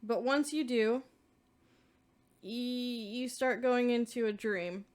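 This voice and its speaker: A young woman runs a tabletop game with a smooth, clear voice that sits a little high. She narrates in a calm, steady storytelling manner, checking in with each player in turn. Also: slow. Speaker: dungeon master.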